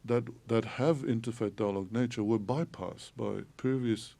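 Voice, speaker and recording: A man from Turkey, a theologian guest on a podcast, explaining in a measured way with frequent hesitations. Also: mid-range voice, creaky, mellow. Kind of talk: podcast interview.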